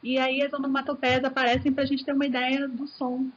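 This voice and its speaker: A woman's voice: high-pitched, monotone, brisk. A Brazilian woman teacher giving a recorded video lesson in a chatty, enthusiastic way. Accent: Brazilian Portuguese. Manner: chatty and enthusiastic, addresses students as "gente". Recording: dull sound with faint hiss.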